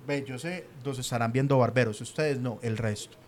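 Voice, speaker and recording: A man's voice: medium pitch, normal speed, a little mellow, slight background noise. A young Colombian man from the Medellín area, co-hosting a podcast and joking his way through a casual rant. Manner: ranting, joking, laid-back slangy talk. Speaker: podcast co-host. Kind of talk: casual comedic chat.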